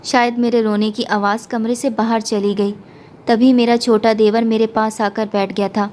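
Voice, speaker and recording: A woman storyteller reads an emotional first-person tale in a steady, feeling voice. Her pitch sits slightly high, with a faint hiss behind her. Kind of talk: scripted story narration.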